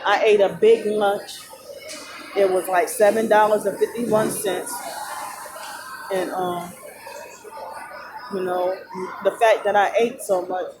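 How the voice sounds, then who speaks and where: Woman, medium pitch, sleep-deprived, tired rambling vlog talk, halting, loud mall noise behind. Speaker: vlogger. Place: loud indoor shopping mall. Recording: noisy mall ambience behind voice. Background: loud talking and mall noise.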